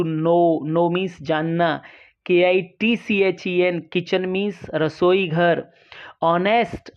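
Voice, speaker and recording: Woman teacher, low voice, slow and patient, explaining a lesson, dull lo-fi recording. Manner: slow, patient, reads English lines then explains them.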